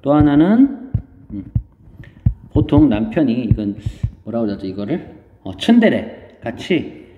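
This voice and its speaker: Male teacher going over a lesson, slow with lots of ums, dull echoey audio, bit of hiss. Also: medium pitch, sing-song. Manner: explains slowly while writing, frequent fillers. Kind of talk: online lecture. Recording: dull lo-fi audio, long reverb, faint noise.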